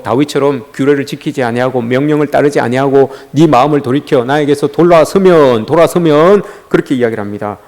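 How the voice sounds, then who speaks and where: A man's voice: mid-range voice, a little mellow. A male pastor preaching a sermon emphatically, often turning to address his congregation directly.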